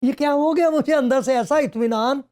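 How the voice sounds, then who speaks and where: A man's voice: very high-pitched, a little mellow. A male pastor preaching a conversational sermon, asking many rhetorical questions and acting out the voices of people in the story. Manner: acts out the speech of people in the story.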